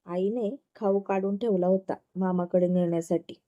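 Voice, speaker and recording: Mellow woman reading a love story. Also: lowish voice, steady tone, moderate pace, muffled recording. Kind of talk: reading a romance story aloud.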